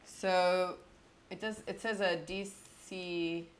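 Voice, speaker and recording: A woman's voice: fairly low pitch, steady tone, takes it slowly, slight background noise. A woman playing a tabletop game, thinking through rolls and numbers aloud in a hesitant way. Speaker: player.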